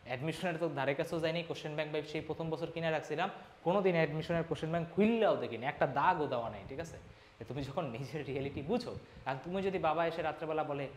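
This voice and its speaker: A young man teaching an admissions class talks fast and emphatically, urging students along in an energetic pep talk. His voice sits fairly high. The room is echoey, with a faint ambient hum behind him. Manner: fast, emphatic, switches between formal and informal address.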